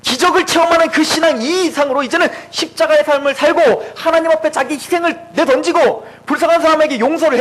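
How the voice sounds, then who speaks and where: A man delivers a sermon in a church, his voice pitched very high for a man. He preaches with animation, slipping into quoted lines of dialogue as he speaks to the congregation. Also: poor audio. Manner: animated, acts out quoted voices of God and Moses.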